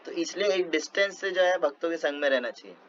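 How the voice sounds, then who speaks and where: A man's voice: on the high side, fast, a bit bright. A man giving a casual devotional talk, telling stories with many fillers and small laughs. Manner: storytelling with frequent fillers and laughs. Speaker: devotional speaker. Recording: dull lo-fi with faint noise.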